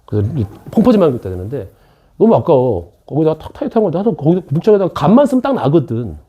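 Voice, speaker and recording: A man's voice: fairly high pitch, sing-song, fast, slightly rough, phone-quality sound. A middle-aged man teaching math in an academy classroom, joking with students between explanations. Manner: joking, chatty asides to students. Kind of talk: casual classroom lecture.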